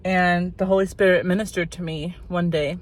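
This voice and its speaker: A woman's voice: on the low side, fairly even intonation, moderate pace. A woman with a sore throat and a congested, swollen-sounding voice, slightly muffled by a cough drop, giving an earnest personal faith testimony as a vlogger. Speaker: channel host.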